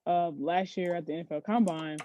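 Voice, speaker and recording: A woman's voice: on the low side, fairly even intonation, brisk, warm tone, no room sound, dull audio. A woman guest on a podcast, chatting casually and telling stories with frequent laughs. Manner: chatty storyteller, laughs often. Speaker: podcast guest, sports agency CEO. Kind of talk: casual interview chat.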